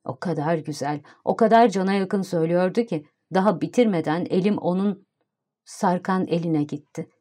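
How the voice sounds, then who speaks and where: Warm-voiced woman reading an audiobook. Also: on the low side, normal speed. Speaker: audiobook narrator. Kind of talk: literary audiobook narration.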